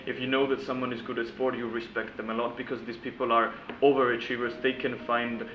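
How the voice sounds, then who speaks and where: A man's voice: medium pitch, flat delivery, quick pace. A man giving plain panel remarks. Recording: distant, dull, echoey, faint noise.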